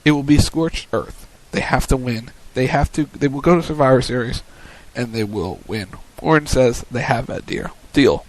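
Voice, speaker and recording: Male co-host, wrestling recap, mid-pitched voice, play-by-play calling, radio show. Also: normal speed, poor audio. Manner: plays matches like a commentator. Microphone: studio mic on a web radio show.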